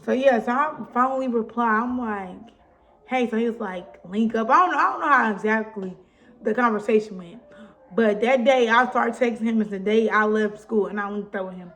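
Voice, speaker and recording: A woman's voice: a little high, a bit bright. A young woman, telling a storytime vlog in a chatty, blunt way. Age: young adult. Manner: chatty, blunt, frequent "like" and "y'all". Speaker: vlogger. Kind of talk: casual storytime chat. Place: home, with a baby nearby.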